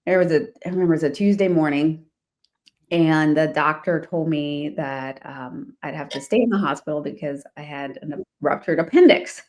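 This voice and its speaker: A D.C.-area woman with a low, slightly mellow voice talks at a moderate pace about her life as an interview guest. A real estate investor, she speaks casually, laughing frequently and often starting sentences over.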